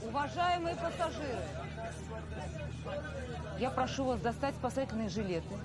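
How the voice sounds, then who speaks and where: An actress playing a courteous, composed flight attendant who gives formal, instructive safety announcements. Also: female voice, sits high, very animated, moderate pace, a loud crowd. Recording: loud music over the voice.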